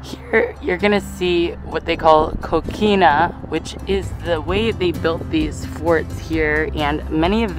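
A woman narrates her travel vlog outdoors, chatty and enthusiastic in an informal way. Her voice sits on the low side, with clear music playing behind her. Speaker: travel vlogger. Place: outdoors in a historic old town.

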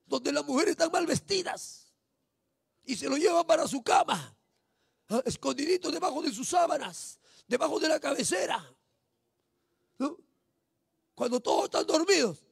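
A man with a Peruvian Spanish accent preaching a fiery evangelistic sermon, shouting and breaking in with praise exclamations over and over. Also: extremely high pitch, vocal fry, dry recording, clean studio sound. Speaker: street preacher.

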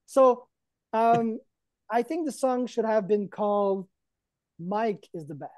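On a video call, a man in his thirties or forties co-hosts an online event from indoors against a green backdrop, trading jokey, mock-earnest banter. His voice sits high and slow with a darkish tone, and there's no room sound.

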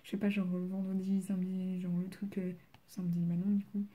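Chatty teen girl, mellow voice. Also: medium pitch, little pitch movement, fairly quick, breathy edge. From France. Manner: chatty, many fillers, drops to soft murmurs. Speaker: student vlogger. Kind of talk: casual study vlog.

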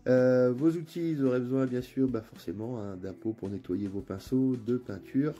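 A man with a northern French accent hosts his own channel, narrating a casual unboxing in a chatty, relaxed way with lots of hesitations. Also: mid-range voice, normal speed, lo-fi sound. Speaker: channel host. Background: faint background music.

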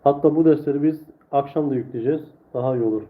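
A man teaching Quran reading in a live online lesson, drilling letter sounds slowly and patiently. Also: medium pitch. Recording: echoey room, tinny phone-like sound.

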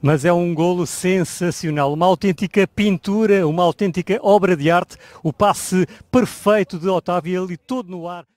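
A man's voice: high-pitched, moderate pace, hardly any pauses, a little mellow, no room sound. A man with a European Portuguese accent analysing play as a radio football pundit. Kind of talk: match analysis commentary.

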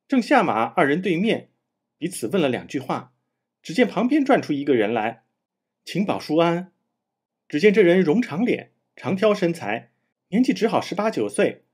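A man reads a classic novel aloud, his husky voice sitting fairly high. His delivery is animated and sing-song, the pitch rising and falling through each sentence. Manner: measured storytelling.

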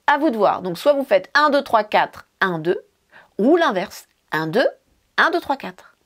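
A woman's voice: on the high side, very animated, unhurried. A woman piano teacher, explaining a scale casually and counting fingerings aloud as she plays. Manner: talks while playing, counts fingerings aloud. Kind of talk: casual demonstration lesson. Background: piano notes.

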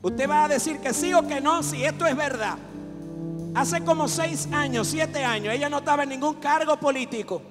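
A Dominican man preaching in a strikingly high voice, fervent and pressing as he urges people forward. His sermon rings through a long-echoing hall while worship music plays beneath him. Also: moderate pace. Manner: fervent, rising to exhortation. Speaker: pastor. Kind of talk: sermon with altar call. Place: church service, live.

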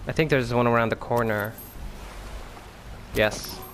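A man's voice: mid-range voice, steady tone, a little slow, a bit bright, a little hiss or hum. A man casually commenting on his video game play, chatty and swearing freely. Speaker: let's play gamer. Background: game music.

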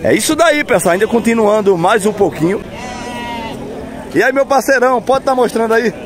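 Guy filming at a goat market, high voice, chatty upbeat, busy crowd all around. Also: lively intonation, normal speed. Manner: chatty, upbeat, asks prices and repeats them. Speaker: vlogger touring a livestock market. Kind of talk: casual walk-around vlog with interviews. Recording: loud market crowd behind.

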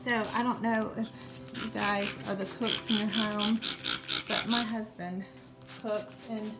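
A young home cleaning vlogger chats casually with lots of ums while demonstrating how she cleans her kitchen indoors. Her mid-range voice is flat and slow, with music playing underneath.

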